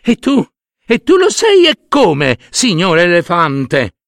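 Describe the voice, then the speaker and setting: A man voicing a family of tiny, hard-working female ants in a fairy tale, squeaky and earnest. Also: huge pitch swings, takes it slowly, vocal fry, fairly bright tone, dry recording, studio quality, full character voice. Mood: proud.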